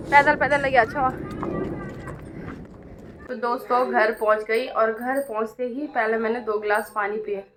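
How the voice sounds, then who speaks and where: A woman's voice: fairly high pitch, fairly bright tone, slight background noise. A middle-aged woman, chatting homely to camera in a vlog and often tagging questions to her viewers. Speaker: family vlogger. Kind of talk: casual vlog narration. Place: city streets and home.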